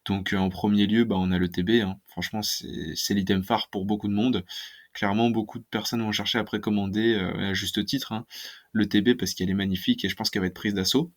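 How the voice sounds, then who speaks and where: A man's voice: fairly low pitch, little pitch movement, brisk. A man talking casually about trading cards for his channel, hesitant and full of fillers. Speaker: card collecting YouTuber. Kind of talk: casual video talk.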